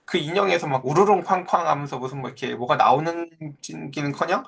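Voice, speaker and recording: A middle-aged male pastor gives a sermon in a talky, conversational way, with a voice pitched a little high for a man. He keeps asking the listeners questions and drops into brief mocking voices when he quotes people. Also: quick pace, gravelly, a bit bright, slightly rough. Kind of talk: expository sermon.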